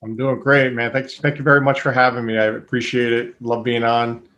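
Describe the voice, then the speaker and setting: A man's voice: mid-range voice, level tone, brisk, fairly bright tone, lo-fi sound. A man in his forties, born in Colombia and raised in New England, talking through his career in a thoughtful, methodical way. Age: 40s. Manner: thoughtful, methodical, with frequent restarts and fillers. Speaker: guest, engineer. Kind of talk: casual interview.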